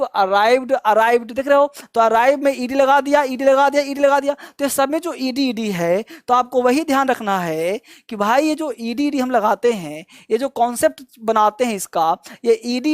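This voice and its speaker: A man teaching spoken English, repeating phrases slowly and coaxing his students along. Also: very high voice, no room sound, studio quality. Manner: drills phrases by slow repetition, coaxing and emphatic. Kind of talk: classroom-style language lesson.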